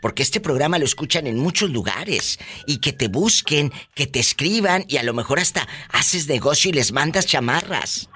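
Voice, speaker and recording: Theatrical Mexican radio host, bright voice. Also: male voice, fairly high pitch, lively intonation, moderate pace, few pauses, breathy edge. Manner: theatrical, gasps and exclaims, playful. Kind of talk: flamboyant radio call-in show.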